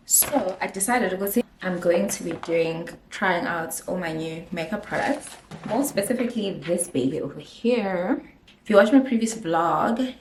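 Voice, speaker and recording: Getting ready at home, a young vlogger and makeup artist with a South African accent tells a story in a relaxed, giggly way, sprinkling in Zulu phrases. Her voice runs on the low side, and the echoey recording carries background noise.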